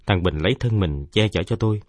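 Male audiobook narrator, somber first-person storytelling, low husky voice, dry close recording. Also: brisk, dry recording.

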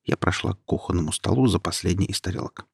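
A man narrating an audiobook at a steady storytelling pace. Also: low-pitched, quick pace, creaky, slightly rough, no room sound, studio quality. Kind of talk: audiobook reading.

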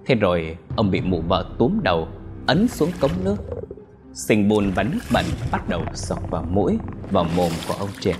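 A man with a fairly low voice narrating a dramatic audio story. His delivery is lively and expressive, rising and falling a great deal. Soft music runs faintly underneath. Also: moderate pace.

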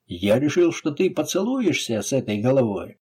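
A man's voice: medium pitch, sing-song, moderate pace, mellow, husky. A man reading an audiobook voices a brutal, sneering street thug in a snarling, mocking tone.

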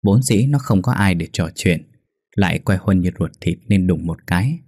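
A man narrating a sad story in a somber, measured manner. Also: low-pitched, lively intonation, a little mellow, slightly rough, no echo, studio quality.

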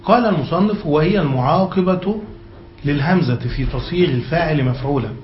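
Speaking somewhat high and a little quickly, a man teaches an Arabic grammar lesson, reading passages aloud, explaining them, and often checking that his students are following. The recording is an echoey, dull lo-fi room capture with faint hiss.

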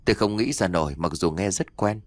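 A man's voice: low voice, fairly quick, no room sound, natural voice. A man voicing a bewildered, grieving young village man who speaks in a plaintive, uncertain way.

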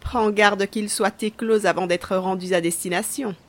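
A woman's voice: medium pitch, fairly even intonation, moderate pace, close to an everyday voice. Woman playing an old knowing beggar woman. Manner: probing, knowing. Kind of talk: storybook reading.

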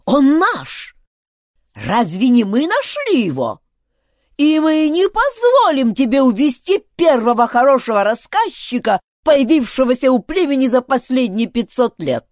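A squeaky, creaking old chief who shrieks threats in a high, loud voice, put on by a woman reading the story. The delivery lurches wildly in pitch, and the recording is dry and close. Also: wildly swooping pitch, unhurried, dry recording, heavily acted. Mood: furious. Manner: shouting threats.

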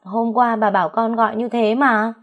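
A woman's voice: on the high side, fairly even intonation, moderate pace, muffled recording, pitched above the performer's own voice, natural voice. A woman voicing a young, timid servant girl who stammers and pleads. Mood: pleading.

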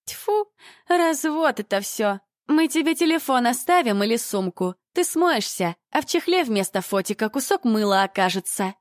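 A woman's voice: medium pitch, animated, measured pace, hardly any pauses, dry recording, voice pushed up, natural voice. A woman voicing a brash bleached-blonde teenage girl who squeals and talks in slang, in a dry-sounding audiobook. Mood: scoffing.

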